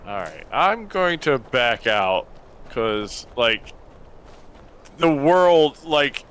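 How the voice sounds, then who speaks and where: A man talks casually while gaming. His voice is bright and sharp at a middling pitch, and he goes slowly and haltingly. A little noise runs behind him. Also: big pitch swings. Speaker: gamer.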